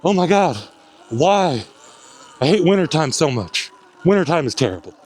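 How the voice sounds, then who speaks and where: A man's voice: a little high, sing-song, moderate pace, noisy background. A man talking from inside a riding helmet with a fogging visor, tired and winded, chatting casually in slang about his ride in the cold outdoors. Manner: laid-back, slangy, calls himself "your boy". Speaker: e-bike rider and video host. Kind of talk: casual vlog chat while riding. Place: outdoors in cold winter weather.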